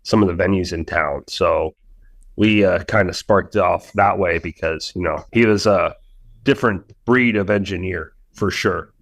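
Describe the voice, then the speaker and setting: A man from Arizona raised in Indianapolis, a music producer chatting as an interview guest, friendly and quick to laugh. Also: sits low, vocal fry, no room sound. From Indianapolis, raised; born in Arizona. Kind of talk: casual interview chat.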